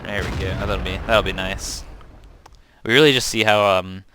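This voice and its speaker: Low-voiced man narrating tank gameplay. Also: fairly even intonation, moderate pace, a little hiss or hum. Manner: casual, chatty, self-correcting with ums. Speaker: game reviewer. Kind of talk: gameplay commentary over replays. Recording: tank game sounds loud behind voice.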